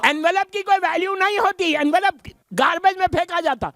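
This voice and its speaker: High-voiced emphatic middle-aged preacher man. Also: a bit bright. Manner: emphatic preaching with rhetorical questions. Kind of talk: majlis sermon.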